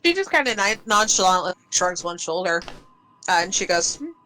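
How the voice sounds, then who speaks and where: A woman's voice: lowish voice, sing-song, moderate pace, bright, forceful tone, slight background noise, rough recording. A woman narrating her character's actions in a tabletop game, amused and giggling often. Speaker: player.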